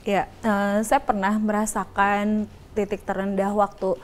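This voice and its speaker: A woman's voice: medium pitch, little pitch movement, a little slow. A woman guest in a casual interview, speaking earnestly and hesitantly with many fillers.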